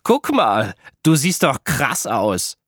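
A man's voice: medium pitch, wildly swooping pitch, slow, fairly bright tone, breathy edge, dry recording, studio quality, pitched above the performer's own voice, full character voice. A man voicing a blunt, teasing young street girl with brusque, snappy remarks in an audiobook.

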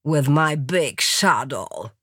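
A woman doing a slow, crude Texan hunk. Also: expressive, fairly bright tone, slightly rough, dry recording, studio quality, heavily acted. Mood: boastful. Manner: slow, low drawl. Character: brawny male Texan lover, slow and crude.

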